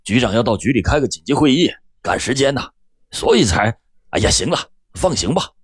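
A man voicing an arrogant, short-tempered male chauffeur who talks loud and impatient. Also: sing-song, quick pace, husky. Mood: haughty. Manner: loud, impatient, high-pitched.

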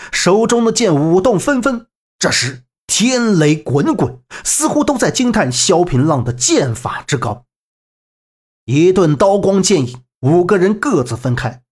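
A man narrating a martial arts novel as an audiobook, in an animated, dramatic reading. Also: on the high side, husky.

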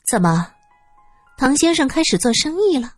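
A woman voicing a sharp young woman detective who questions coldly. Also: high voice, very animated, normal speed, breathy edge, no room sound, soft background music, voice pushed up, full character voice. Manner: cold, questioning.

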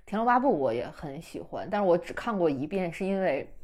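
A woman chatting casually about novels, expressive and animated as she talks. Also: fairly low pitch, a little fast. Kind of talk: casual book chat.

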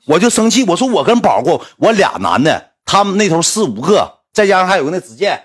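A man's voice: high-pitched, sing-song, brisk, slightly rough. A man with a Northeastern Mandarin accent telling a rambling, colloquial anecdote, often repeating himself. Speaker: storyteller.

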